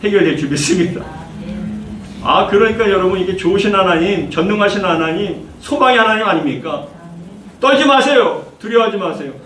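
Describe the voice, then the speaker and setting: A man's voice: sits high, animated, fairly quick, fairly bright tone. A male pastor preaching a fervent sermon, repeating key phrases and leading the congregation through scripture readings. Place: church sanctuary. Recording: echoey church hall, distant mic, faint noise.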